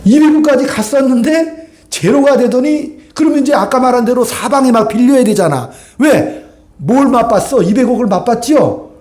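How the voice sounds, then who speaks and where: A man preaches in a high-pitched yet soft, mellow voice, filling a reverberant church sanctuary. His sermon feels like a conversation, and he keeps prompting the pews to agree. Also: animated, normal speed. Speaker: pastor. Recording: echoey church room.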